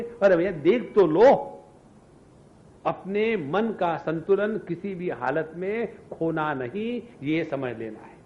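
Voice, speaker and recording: Animated male spiritual teacher. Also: on the high side, highs cut off, a little hiss or hum. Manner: animated, rhetorical questions, chants mantras. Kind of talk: Hindi scripture discourse.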